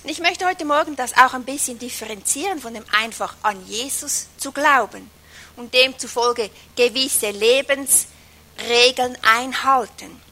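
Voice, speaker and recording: A woman preaching a sermon with strong emphasis, swinging from loud stresses down to whispers and slowing on key phrases. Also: high voice. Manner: emphatic, varies loudness a lot, drops to a whisper at times.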